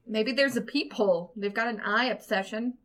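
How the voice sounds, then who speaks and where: A woman's voice: a little high, normal speed, fairly bright tone. A woman playing a tabletop game with casual, playful role-play and banter.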